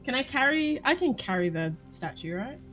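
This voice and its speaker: Higher-voiced woman playing a tabletop game. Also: big pitch swings, moderate pace, fairly bright tone, rough recording. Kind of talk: casual chat during a tabletop game. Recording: music behind the voice.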